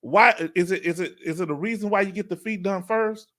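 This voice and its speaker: A middle-aged man with a Houston, Texas accent hosts a casual live Q&A, laid-back and chatty, laughing often. His voice is high, brisk, pushed and bright.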